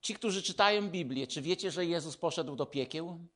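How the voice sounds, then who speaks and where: A man preaching a sermon, swinging between loud declarations and hushed, intimate lines. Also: on the high side, moderate pace.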